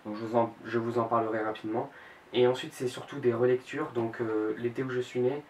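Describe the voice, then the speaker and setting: A man's voice: mid-range voice, little pitch movement, fairly quick, darkish tone. A young man in his late teens chatting about books he wants to read in a casual vlog, hesitant, with many fillers and self-corrections. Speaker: book blogger. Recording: roomy echo, mic at a distance, faint background hiss.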